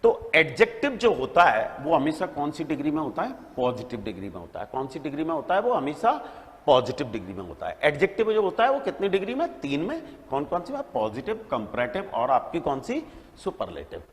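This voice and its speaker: A slightly high-voiced man teaching a grammar class, talking slowly and with lots of rise and fall. He keeps quizzing his students and then answering his own questions. A long echo hangs in the room around him. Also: wildly swooping pitch. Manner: addresses listeners as beta, checks with "right?"; spells words out letter by letter. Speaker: English teacher.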